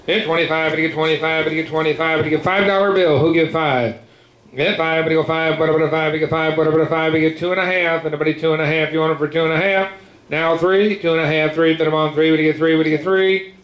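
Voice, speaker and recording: A man working as an auctioneer, calling bids in a rapid, rhythmic chant with repetitive filler patter between the numbers. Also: on the high side, fairly even intonation, a bit bright. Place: echoey indoor auction room. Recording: echoey room with clear background noise.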